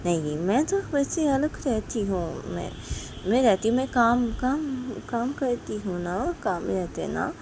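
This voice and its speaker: A woman voicing a gentle young mother who talks softly and soothingly. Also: fairly high pitch, animated, measured pace, background noise. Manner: soft, pleading, soothing.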